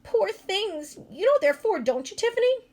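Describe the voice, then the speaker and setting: A woman's voice: very high-pitched, big pitch swings, normal speed, darkish tone, voice pushed up. A woman reading the part of a nervous, squeamish little girl doll who worries and fusses. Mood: anxious. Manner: worried and fussy.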